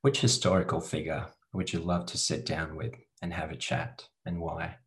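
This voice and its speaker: A man's voice: very deep voice, steady tone, normal speed, fairly bright tone. A man interviewing a guest, asking questions and giving short encouraging replies. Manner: brief, encouraging prompts.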